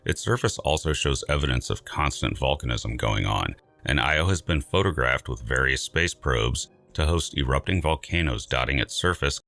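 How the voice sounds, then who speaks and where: A man reading scripted science narration in a measured, emphatic, dryly wry way. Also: rumbling low, lively intonation, bright, forceful tone.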